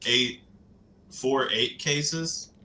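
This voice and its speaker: A man's voice: mid-range voice, extremely slow, pushed and bright. A man co-hosting a casual livestream, easygoing and matter-of-fact. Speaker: co-host.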